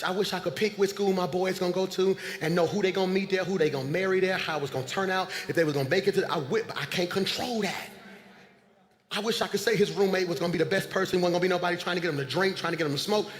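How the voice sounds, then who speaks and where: A man preaching a sermon as pastor, swinging between shouted calls and low confiding asides. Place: large church sanctuary. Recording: echoey church hall.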